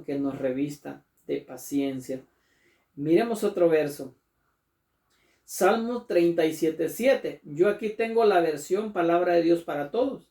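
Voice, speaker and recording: Male pastor, earnest emphatic sermon delivery; dark gravelly tone, recorded distant in a roomy hall. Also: high voice. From Latin America. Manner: earnest, slow and emphatic, often addressing listeners as brother. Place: church. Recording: echoey church room from far off.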